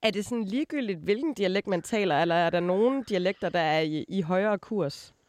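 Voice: mid-range voice, lively intonation, no echo. Interviewer from West Jutland. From West Jutland, Denmark. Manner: probing questions, hesitant. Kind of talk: conversational interview.

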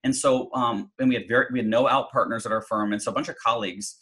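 A man's voice: medium pitch, fairly even intonation, fast, sharp tone, poor audio. A middle-aged man telling a personal story in an interview, chatty, with many fillers and restarts. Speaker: guest.

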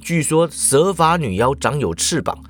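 A man's voice: on the high side, big pitch swings, moderate pace. A man hosting a podcast, retelling a Greek myth in a casual, chatty way with playful asides. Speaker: podcast host retelling myths. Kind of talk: casual storytelling narration.

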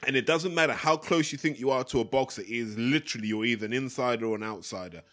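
British man, podcast host, medium pitch, casual opinions, matey, explanatory, some swearing. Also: fast talker, fairly bright tone.

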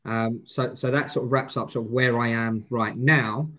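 A man's voice: mid-range voice, fairly even intonation, normal speed, bright, forceful tone, highs cut off. A man in his twenties with an Essex accent, giving casual, informal interview answers as a guest, often hesitating and rephrasing. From Essex, England. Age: 20s. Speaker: podcast guest, wealth manager.

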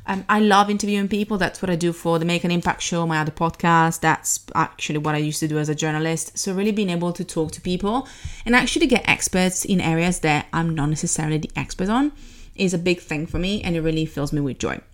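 A woman's voice: lowish voice, fast. Upbeat chatty woman podcast host. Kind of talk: podcast intro and interview.

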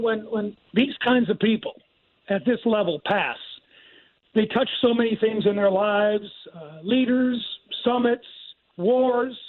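An older man, a news correspondent, reporting live over the phone in a measured, reflective way. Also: sits high, no echo. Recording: tinny phone line.

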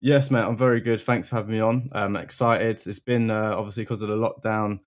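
A man's voice: fairly low pitch, steady tone, a little fast. A young man with a London accent, chatting casually as a podcast guest, friendly and full of ums. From England. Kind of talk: casual interview chat.

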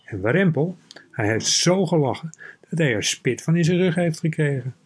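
A man reading an audiobook, voicing a cheerful schoolboy who keeps bursting into laughter, with a husky voice. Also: on the high side, lively intonation, normal speed, voice pushed up. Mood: gleeful. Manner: giggly, breathless with laughter.

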